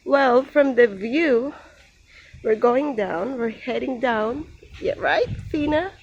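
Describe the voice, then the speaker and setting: A young woman with a Filipino accent narrates a relaxed garden vlog, talking fondly to her cat between comments. Her voice is high and her pace is slow. Faint outdoor noise sits behind her phone recording. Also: muffled recording. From Philippines. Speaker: vlogger.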